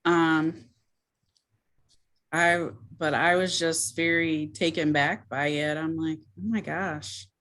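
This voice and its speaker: Woman, casual chat, slightly low pitch, very unhurried pace, hesitant, modest manner. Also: flat delivery, fairly bright tone. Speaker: online video creator.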